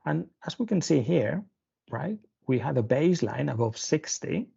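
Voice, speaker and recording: A pediatrician from Spain giving a webinar lecture, talking through slides with many fillers and restarts. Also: male voice, a little high, sing-song, moderate pace, creaky, dark tone, slightly rough. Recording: dull lo-fi webinar audio.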